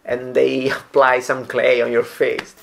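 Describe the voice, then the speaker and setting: A woman's voice: extremely low pitch, monotone, measured pace, creaky, a little hiss or hum. A woman with an Italian accent giving casual reaction commentary, sarcastic and mock-horrified, often exclaiming. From Italy. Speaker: reaction video host, pizza chef.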